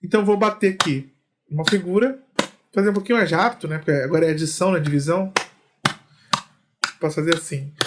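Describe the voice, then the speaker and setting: A man teaches rhythm reading in an online lesson. His voice sits fairly high for a man, and he explains patiently. He often breaks into chanted rhythm syllables while keeping a steady pulse. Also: fast talker, pauses often, noisy background. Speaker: music teacher.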